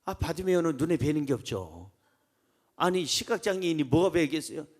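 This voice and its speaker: A man's voice: a little high, brisk. A man preaching a sermon as pastor, acting out voices and leading the congregation in reading aloud. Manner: animated, acts out crowd voices, calls congregation to read along.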